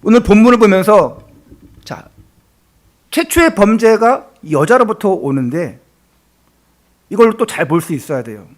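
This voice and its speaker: A man's voice: sits high, sing-song, a little slow, pauses often. A male pastor preaching a Sunday sermon, earnest, asking the congregation rhetorical questions.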